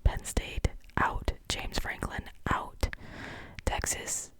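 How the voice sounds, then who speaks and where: A host with a Midwestern American accent whispers ASMR-style sports talk close to the mic, rambling with plenty of ums and false starts. He speaks slowly, and the audio quality is poor.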